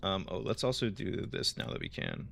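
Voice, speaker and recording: A man's voice: low voice, huge pitch swings, moderate pace, gravelly, a bit bright, breathy edge. A young man narrating his gameplay in a casual, rambling way, joking to himself and quoting memes. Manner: rambling, joking self-talk with meme quotes. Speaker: gaming video creator.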